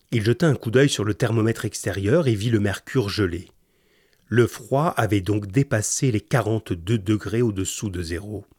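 A man narrating a novel in a calm, measured storybook manner. His voice is low and husky, recorded close with a dry sound. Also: dry recording. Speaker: audiobook narrator.

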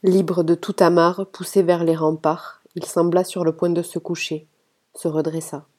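A woman reading a novel aloud in steady, measured audiobook narration. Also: on the low side. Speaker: reader of a novel.

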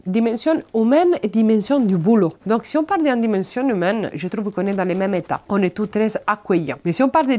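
A woman from Naples with an Italian accent, her native language, speaking as a podcast guest in an animated way, repeating words and hesitating often. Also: medium pitch. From Naples, Italy. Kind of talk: conversational interview.

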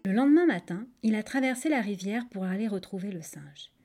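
A woman's voice: mid-range voice, fairly quick, over loud music. A woman narrating a children's tale expressively, speaking straight to her listeners. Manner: expressive, addresses listeners directly. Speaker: storyteller.

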